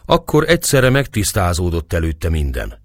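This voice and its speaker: A man narrating a historical novel as an audiobook, reading in a dramatic, expressive way. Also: low-pitched, dry recording, studio quality.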